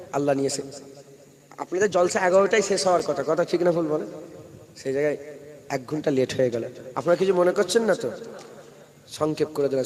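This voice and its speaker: Male preacher, high voice, big PA reverb, loud declamation dropping to hushed asides. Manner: swings from loud rising declamation to low confiding asides. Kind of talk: Islamic sermon at a night gathering.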